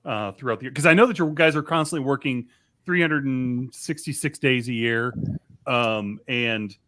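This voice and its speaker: A man interviewing convention staff, asking rambling questions with many pauses and restarts. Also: medium pitch, a bit bright. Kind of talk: casual interview chat.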